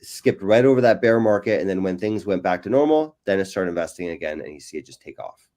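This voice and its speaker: A man's voice: low voice, lively intonation, fast, a little mellow. A man casually explaining how his trading algorithms work, with lots of "right?" checks and fillers. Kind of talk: casual interview chat.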